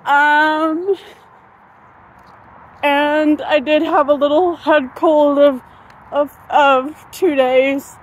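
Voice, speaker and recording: A woman's voice: sits high, steady tone, very slow, pauses often, muffled recording. A woman in her thirties chatting casually while walking outdoors in a sunny park, filming on a phone at arm's length, rambling with many ums and uhs and fighting hiccups. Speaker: vlogger. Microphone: phone held at arm's length.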